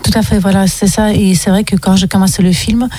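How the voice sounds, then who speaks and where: A woman's voice: mid-range voice, level tone, a little fast, dark tone, a little hiss or hum. A young woman from Russia, a film director, answering radio interview questions with many hesitant ums.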